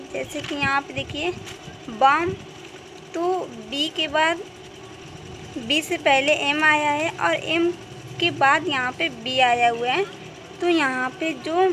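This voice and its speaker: Female tutor, high register, patient step-by-step explainer; slight background hiss. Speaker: English teacher. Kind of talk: Hindi-language lesson on English spelling.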